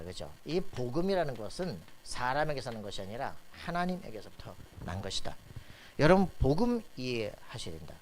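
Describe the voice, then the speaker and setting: A pastor preaching a sermon, firing questions at the congregation and pressing for their answers. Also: male voice, medium pitch, slight background noise. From Korea. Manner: call-and-response questions to the congregation, emphatic. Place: church sanctuary.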